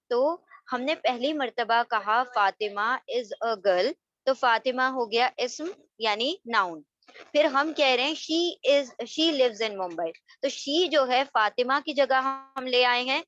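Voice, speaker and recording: Woman teaching grammar, kinda high voice, dry dull lo-fi sound. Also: a bit bright, no echo. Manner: explains step by step, many fillers and English terms. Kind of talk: grammar lesson lecture.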